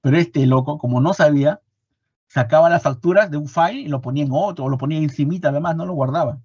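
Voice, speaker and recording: A man with a Peruvian Spanish accent teaching an online class, animated and repeating his points with rhetorical questions. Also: fairly high pitch, quick pace, breathy edge, no echo, lo-fi sound. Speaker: instructor. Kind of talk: online lecture.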